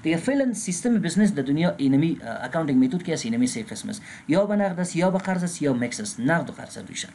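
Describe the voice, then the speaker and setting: A man with an Afghan Dari accent gives a recorded accounting lecture, reading English terms slowly and pausing with filler sounds. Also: fairly high pitch, very animated, darkish tone, slight background noise. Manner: frequent filler sounds and restarts. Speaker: accounting instructor.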